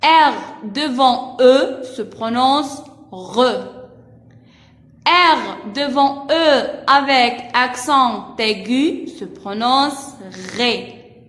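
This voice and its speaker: A high-voiced woman teacher leads a reading lesson for first graders, spelling out each syllable with deliberate, repeated care. The recording carries a roomy echo with a long trailing reverb. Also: lively intonation, fairly bright tone. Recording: echoey room with long reverb.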